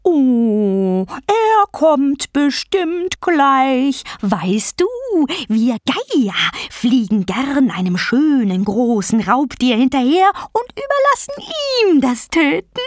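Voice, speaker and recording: Woman doing a high shrill vulture goddess, gloating and patient, slow and drawn out, storybook villain. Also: very animated, no room sound, studio quality, full character voice.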